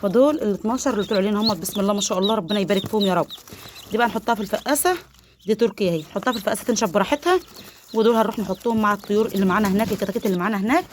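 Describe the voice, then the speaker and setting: Talking rapidly in a mid-range voice amid slight background noise, an Egyptian woman with an Egyptian Arabic accent films a casual vlog on her phone inside her poultry coop. She addresses viewers chattily and piously, sprinkling in blessings, and laughs nervously as she deals with a biting duck.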